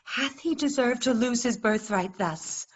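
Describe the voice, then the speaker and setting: A woman's voice: on the high side, a little slow, close to an everyday voice. A woman playing a proud, scornful warrior queen and wronged mother in declamatory, emphatic Shakespearean verse over a muffled video call. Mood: wounded outrage. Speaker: actor in staged reading. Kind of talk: Shakespearean verse drama, theatrical delivery.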